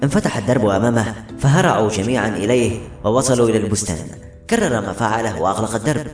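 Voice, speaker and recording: A man reading a fantasy novel aloud, brisk and dramatic, with a mid-range voice. The recording sounds roomy and echoey. Faint music plays underneath. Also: on the low side, expressive, a little mellow. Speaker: audiobook narrator. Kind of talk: scripted narration.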